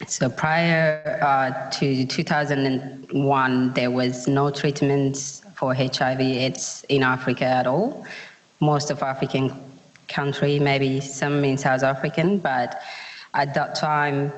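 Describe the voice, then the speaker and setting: A woman from Eritrea speaking to an audience in a large hall as a community health consultant, halting and searching for her words. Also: rumbling low, level tone. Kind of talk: speaking to an audience at an education event. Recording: reverberant hall.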